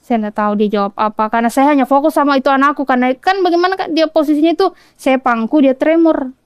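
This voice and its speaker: A woman's voice: high voice, fast talker, dry recording. A woman from Kolaka with a Southeast Sulawesi Indonesian accent, a mother earnestly retelling events in detail during a podcast interview. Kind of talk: personal account in a podcast interview.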